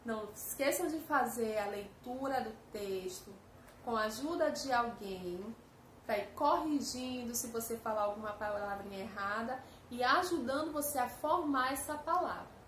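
A woman with a Brazilian Portuguese accent teaching a first-grade lesson, slowly sounding out syllables for young children. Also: on the high side, animated, a bit bright. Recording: echoey room with faint ambient noise.

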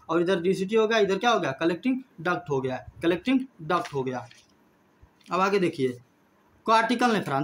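A man with a fairly high voice runs a quick biology revision at the board. He asks a question, then answers it himself, and repeats each term over and over. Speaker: biology teacher. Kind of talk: whiteboard revision lesson.

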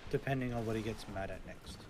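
A man's voice: lowish voice, quick pace, a crowd in the background. A man playing along on a friend's stream, chatting casually, joking and laughing often. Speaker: co-player, guest on stream. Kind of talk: casual chat while gaming.

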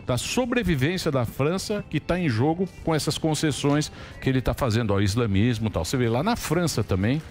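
A man's voice: mid-range voice, expressive, fairly quick, a little mellow, soft background music. A man hosting a talk show, chatting casually with slang and trailing off mid-thought. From Brazil. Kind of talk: casual studio chat.

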